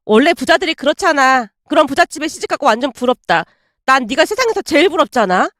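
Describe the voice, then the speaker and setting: A woman voicing a sharp-tongued young woman who scornfully orders a former classmate around in a storybook drama. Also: high-pitched, big pitch swings, quick pace, no room sound, studio quality. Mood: scheming. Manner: irritable, commanding, scornful.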